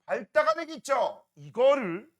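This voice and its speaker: A man's voice: very high-pitched, sing-song, a little slow, fairly bright tone. A middle-aged male science teacher, lecturing a class, teasing and scolding students while drilling mnemonics.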